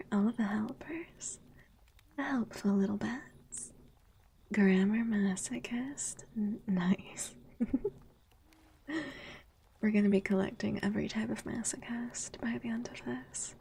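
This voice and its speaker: A VTuber streamer from the United States whose first language is Spanish whispers slowly and huskily in a mid-range voice during an ASMR stream. She reads chat aloud in a soft, giggly whisper with fairly even intonation.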